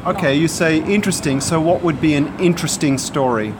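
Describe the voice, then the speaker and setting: Higher-pitched male interviewer, noisy surroundings. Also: a little fast. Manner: patient, rephrases questions simply. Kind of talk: conversational interview questions.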